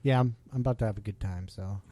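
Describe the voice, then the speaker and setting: A man hosting a casual podcast chat, excitable and often laughing, trailing off mid-sentence, with the hiccups. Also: fairly low pitch, fast. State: has the hiccups. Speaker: podcast host.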